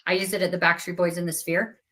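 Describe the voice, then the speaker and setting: A woman's voice: fairly low pitch, level tone, quick pace, a crowd in the background. A woman hosting a live craft sales stream, chatty and upbeat, giving away prizes and reading out winners. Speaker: livestream host for a craft company.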